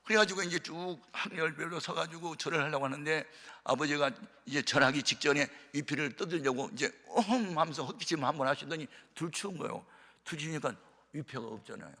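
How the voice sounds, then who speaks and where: A man preaching as a pastor, telling a testimony sermon with dramatic storytelling, acting out voices and shouting at the peaks. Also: a little high, fairly quick. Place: church hall of a prayer retreat. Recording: reverberant large hall.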